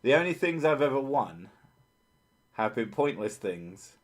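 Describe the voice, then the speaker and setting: A man's voice: mid-range voice, big pitch swings, measured pace. A British man who sometimes drops his T's into glottal stops, chatting casually with sweary, sardonic banter. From Britain. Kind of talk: casual joking chat.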